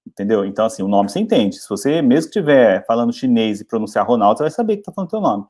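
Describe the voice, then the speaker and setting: A middle-aged Brazilian man teaching English by telling stories about his own early struggles, in a chatty, animated way. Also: rapid-fire. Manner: chatty, animated storytelling with lively pitch jumps. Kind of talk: storytelling English lesson.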